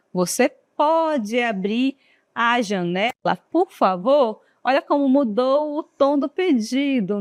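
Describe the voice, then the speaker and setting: Brazilian woman teacher, patient and slow, bright voice, dry studio sound. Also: fairly high pitch, no room sound. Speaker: English teacher. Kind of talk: classroom lesson.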